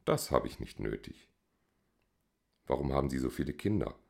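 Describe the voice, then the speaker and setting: A man's voice: extremely low pitch, sing-song, normal speed, gravelly, darkish tone, slightly rough, heavily acted. A man doing a sneering, vain talking thought. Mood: haughty. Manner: indignant, scornful. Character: vain haughty male "beautiful thought", sneering. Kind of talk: audiobook reading.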